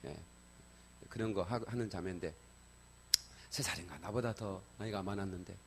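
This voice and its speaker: In a church sanctuary, a middle-aged male pastor preaches with lively, colloquial personal stories, swinging from loud exclamations to soft asides and often checking in with the congregation with a repeated "예?". His voice is deep at normal speed, with a noisy background.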